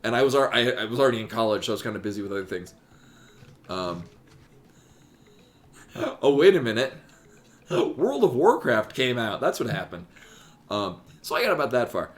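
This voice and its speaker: A man's voice: medium pitch, sing-song, moderate pace, pauses often. A man in his thirties chatting casually as he streams a game. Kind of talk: casual chat while playing. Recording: faint game music behind. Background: game music.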